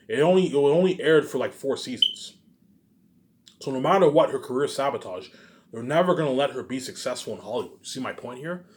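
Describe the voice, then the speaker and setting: A mid-range male voice carries a casual, unscripted solo vlog. He speaks emphatically in slang, repeats himself, and lets his phrases fade into asides.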